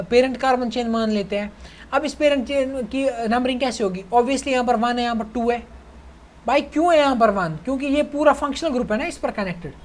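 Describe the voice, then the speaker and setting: A young man teaching chemistry in a casual online lecture, chatty, calling his students "bhai" and checking that they follow. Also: very high-pitched. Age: young adult. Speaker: chemistry tutor.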